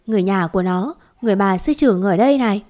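A woman voicing a kind, motherly village woman who speaks gently and turns tearful. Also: mid-range voice, fast talker, lightly acted. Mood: sorrowful.

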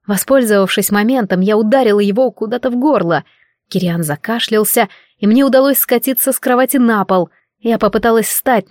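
A woman narrating a first-person novel as an audiobook, with a steady, even delivery. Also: on the high side, no room sound, clean studio sound.

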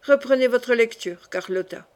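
A cold, imperious queen mother gives her orders in a calm, dismissive way, as a woman reading a novel aloud voices her. Her voice sits fairly high. She never raises it. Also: normal speed, lightly acted. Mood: commanding.

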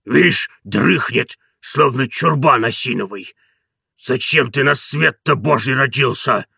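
A man voicing a creaky, gruff old manservant. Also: mid-range voice, takes it slowly, sharp tone, dry recording, clean studio sound, heavily acted. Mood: grumbling. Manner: coaxing and scolding, folksy. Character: old grumbling male manservant, stubborn.

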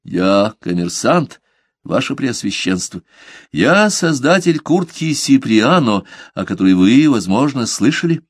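A man voicing a devout male merchant who answers politely, measured and quietly firm, in an audiobook. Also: mid-range voice, sing-song, breathy edge, dry recording, clean studio sound. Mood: composed. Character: calm devout male merchant under questioning. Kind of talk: audiobook character reading.

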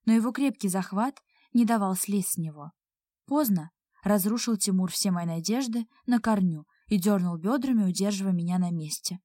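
A woman narrating a first-person audiobook in a steady, intimate reading. Her pitch sits in a middle range. The recording is dry and close, with no room sound. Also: moderate pace, no echo.

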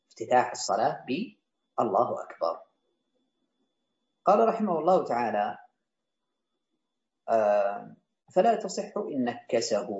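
In a roomy, slightly dull recording, a man with a mid-range, somewhat mellow voice teaches Islamic jurisprudence. He reads each line of a classical legal text aloud before restating and explaining it for his students.

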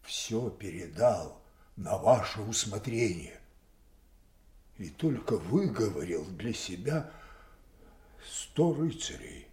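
An actor playing a proud, wounded old king in a classical audio tragedy, declaiming haltingly between hushed grief and thundering rage at his daughters. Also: mid-range voice. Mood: hurt, incredulous. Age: older. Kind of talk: Russian classical stage tragedy acting, audio play. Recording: roomy, echoing studio audio play.

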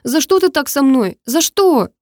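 A woman voicing a young woman who shouts at someone through tears, high and shrill. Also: very animated, fairly quick, no room sound, studio quality. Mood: tearful fury. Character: young woman, tearful, furious, hurt.

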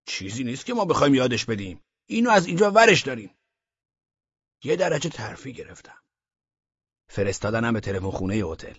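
A man's voice: mid-range voice, a bit bright, breathy edge, no room sound, lo-fi sound. A man voicing a boastful, talkative grown man who complains while telling his own story in an audiobook. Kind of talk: audiobook character reading.

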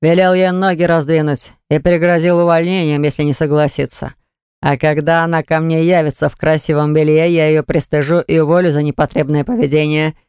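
An audiobook narrator voicing a smug, scornful man who gloats and yells when pinned down, in a smooth voice. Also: mid-range voice, level tone, a little fast, no room sound, studio quality, natural voice.

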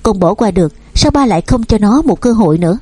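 A calm, warm eldest son who speaks softly, voiced by a woman. The voice is mellow and husky, with faint music under it. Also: mid-range voice, fast, dry recording. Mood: gentle. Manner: soft-spoken, gentle, calm.

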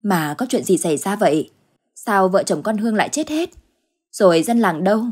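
A woman's voice: medium pitch, animated, normal speed, darkish tone, husky. A woman doing a frightened old village man. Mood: anxious. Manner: anxious, pleading. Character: frightened elderly village man, worried husband. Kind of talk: storybook ghost tale acting.

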